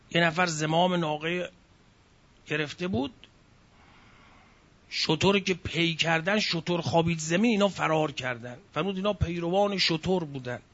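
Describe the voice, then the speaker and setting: High, bright-voiced male preacher. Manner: emotive storytelling, sighs and cries out. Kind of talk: religious sermon storytelling. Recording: dull lo-fi recording.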